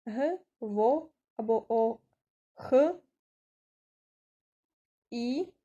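A woman's voice: on the high side, animated, very slow, mellow, lo-fi sound. A woman teaching an online language lesson, patiently spelling out words letter by letter.

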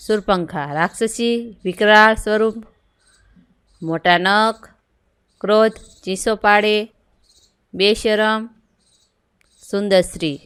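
A woman's voice: mid-range voice, a bit bright, clean tone, no room sound. A woman teacher reading a worksheet aloud, going through items and answers one by one. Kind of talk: worksheet lesson read aloud.

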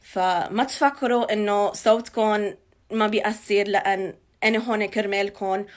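A woman's voice: medium pitch, fairly even intonation, moderate pace. A woman in her twenties with a Levantine Arabic accent, giving an informal live news update into a phone held at arm's length indoors. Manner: code-switches between Arabic and English. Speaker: local news reporter giving community updates. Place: small indoor room.

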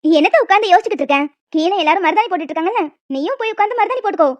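A woman voicing a kind, wise middle-aged aunt who gives calm, gentle advice. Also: very high voice, rapid-fire, no echo. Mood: advising. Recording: dull lo-fi audio with music.

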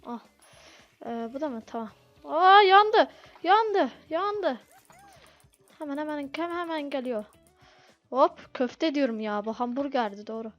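This woman hosts a gameplay video, speaking in a high voice at normal speed as she casually comments on a restaurant game. Flustered, she keeps pleading with impatient customers to be patient. The recording is dull and lo-fi, with game music.

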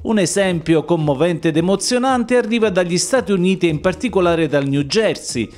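A man's voice: high voice, animated, moderate pace, a little mellow, faint music behind. A man reading scripted narration as a news reporter.

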